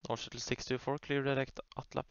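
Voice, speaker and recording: A man's voice: medium pitch, level tone, quick pace, creaky, clear, resonant tone, dry recording. A man working as an air traffic controller, giving clipped, polite procedural calls over the radio. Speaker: air traffic controller on a flight simulation network. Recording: muffled lo-fi radio audio.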